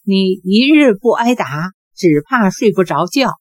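Woman reading an icy aloof young woman, curt and cool, slow delivery, dry close sound. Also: mid-range voice, expressive, no echo. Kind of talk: audiobook character voice.

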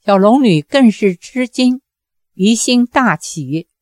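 A woman narrating a novel as an audiobook in a measured storytelling manner. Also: a little high, lively intonation, a little mellow, dry recording, studio quality.

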